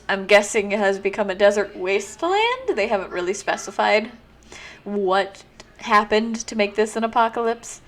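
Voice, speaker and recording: A woman's voice: medium pitch, a bit bright. A woman streaming herself reading a story game aloud, casual and chatty, laughing often.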